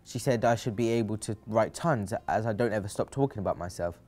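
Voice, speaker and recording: A man with a fairly low voice narrates a first-person story in a dry, teasing manner. Soft music plays faintly behind him. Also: a little fast.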